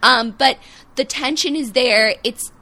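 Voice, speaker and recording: A woman's voice: sits high, a little slow, sharp tone. A woman co-hosting a podcast, chatting casually and animatedly about a TV show, with frequent "um" and "like". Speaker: podcast co-host. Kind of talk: casual chat.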